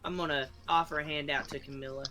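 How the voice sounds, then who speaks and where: A man playing a tabletop role-playing game, quick to jump into character. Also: on the high side, flat delivery, bright, forceful tone, soft background music. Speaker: player.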